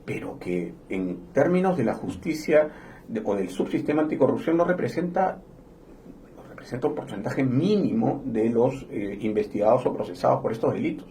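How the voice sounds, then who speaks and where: A man from Honduras speaking as a guest on a discussion podcast, explaining in a measured way with some hesitations. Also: medium pitch, lively intonation, warm tone, slight background noise. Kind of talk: conversational panel discussion.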